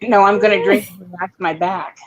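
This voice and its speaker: A woman's voice: mid-range voice, fairly even intonation, a little fast, breathy edge, no echo. A woman from Florida in a casual chat, speaking frankly and wryly. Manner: frank, complaining, wry. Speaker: guest in chat.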